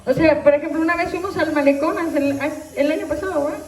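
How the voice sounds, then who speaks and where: A woman's voice: sits high, fast, a little mellow, echoey room, distant mic, slight background noise. A woman pastor preaching a sermon, questioning and exhorting her congregation directly. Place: church hall.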